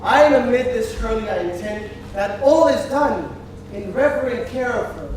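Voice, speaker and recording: A man's voice: very high-pitched, animated, normal speed, darkish tone. A man acting a swaggering, domineering bridegroom on stage, declaiming verse and barking orders, heard from far off in an echoey hall with faint noise. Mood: scheming. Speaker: stage actor. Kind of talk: live Shakespeare stage acting. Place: theater stage. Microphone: far room mic.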